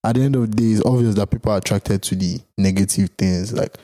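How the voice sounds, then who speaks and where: Mellow young man, slangy podcast chat. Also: on the low side, fast. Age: young adult. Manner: slangy, buddy-like, punctuated with "bro" and "you know". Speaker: podcast co-host. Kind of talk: casual chat. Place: home studio, seated on a couch.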